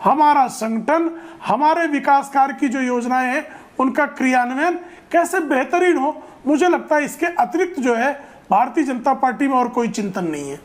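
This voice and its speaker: A woman arguing as a party spokesperson on a debate panel. Her voice sits a little high, and she speaks formally, stacking points in repeated phrases. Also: expressive, moderate pace. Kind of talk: political debate argument.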